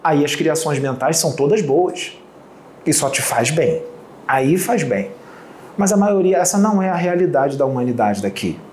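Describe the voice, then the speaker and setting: A man giving a channeled spiritual teaching as a medium, piling up repeated phrases and rhetorical questions and clearing his throat often. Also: medium pitch, a little mellow. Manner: repetitive lists and rhetorical questions. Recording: roomy echo, faint background noise.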